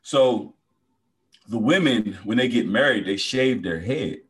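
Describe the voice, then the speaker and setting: A man's voice: mid-range voice, lively intonation, unhurried. A man co-hosting a podcast, chatting casually and telling stories in slangy speech, laughing often. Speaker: podcast co-host. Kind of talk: casual chat.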